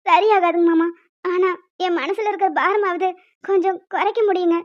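A woman voicing a gentle young wife in a cartoon, pleading and sorrowful as she pours out her hurt. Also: very high voice, steady tone, moderate pace, lo-fi sound. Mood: tearful.

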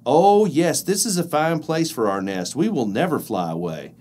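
A man voicing a chorus of stubborn bees in a storybook, high and sing-song. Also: sing-song, normal speed, darkish tone.

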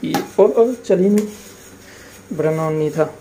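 This vlogger, a young man from Pakistan, has a slightly high voice and takes his time speaking. He's relaxed and talkative, calling viewers "brother" while preparing a shake in his kitchen and later sitting in a car at a drive-through. The casual chat was recorded on a noisy handheld phone.

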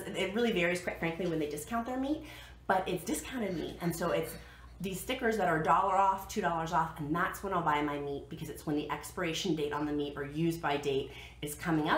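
With a lowish, fairly bright voice, this American vlogger in her thirties talks casually and emphatically to camera about dieting on a budget, repeating key tips for emphasis. She's indoors in her living room at home, where the sound echoes and background noise comes through.

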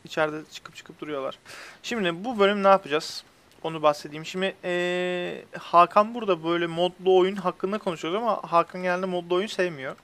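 A young adult man who hosts a gaming video channel gives casual let's-play commentary with friends, chatting while explaining what he's doing in the game. His voice is a little high for a man, a bit bright, fairly quick, and fairly even in intonation. He's indoors at a computer, with the webcam shown.

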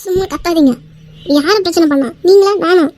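Swathi, a shrill scolding young wife. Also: female voice, a little mellow. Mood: angry. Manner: scolding, indignant, quick retorts. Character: young wife, hurt and angry, sharp-tongued. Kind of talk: cartoon skit voice acting.

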